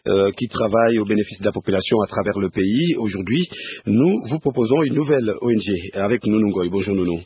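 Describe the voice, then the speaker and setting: A man with a Congolese accent hosting a radio interview in a halting, repetitive way. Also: fairly low pitch, breathy edge. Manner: halting, repeats himself. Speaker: radio host. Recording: dry, very narrow-band radio sound.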